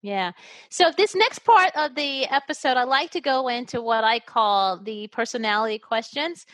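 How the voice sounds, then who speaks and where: A woman's voice: on the high side, lively intonation, normal speed, a bit bright, dry recording. A woman hosting an interview podcast, asking questions in an upbeat, encouraging way. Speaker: podcast host. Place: in Guam.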